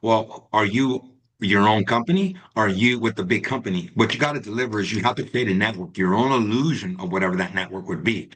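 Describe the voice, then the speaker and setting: A man's voice: on the low side, a little fast, fairly bright tone. A man coaching real estate agents in a live online class, talking straight to his students and often checking in with "right?" and "okay?". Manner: talks to the class, tags lines with right and okay.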